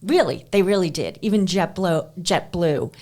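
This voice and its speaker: A woman's voice: fairly low pitch, animated, moderate pace, a little mellow. A woman co-hosting a podcast in casual chat, chatty and sarcastic, with lots of fillers. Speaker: podcast co-host.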